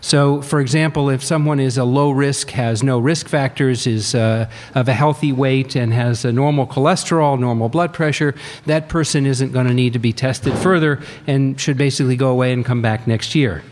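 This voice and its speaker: Cardiologist guest in an echoing hall. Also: male voice, mid-range voice, fairly even intonation, a little mellow. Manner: measured, lightly hesitant. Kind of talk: expert explanation on radio. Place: reception hall. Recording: long hall reverb from live venue.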